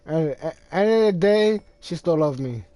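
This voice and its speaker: A man's voice: fairly high pitch, animated, moderate pace, dark tone, no room sound. A man live-streaming a game, chatting casually in loose, profane, teasing banter.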